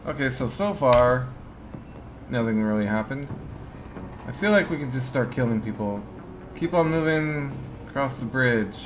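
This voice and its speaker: Over background noise, a man of medium pitch speaks expressively at a moderate pace, pausing often. He's a player narrating his playthrough, reading the game's text aloud and tossing in casual, sweary remarks.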